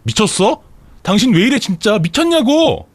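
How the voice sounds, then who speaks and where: A man voicing a young mother and wife who shouts at her husband in shrill, high outbursts, in a story read for radio. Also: sing-song, moderate pace, no room sound. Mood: furious shouting.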